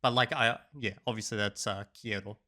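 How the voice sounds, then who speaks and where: A man's voice: lowish voice, steady tone, brisk, sharp tone. An Australian man hosting a vlog, reacting casually to a critique of his speech with self-mocking slang.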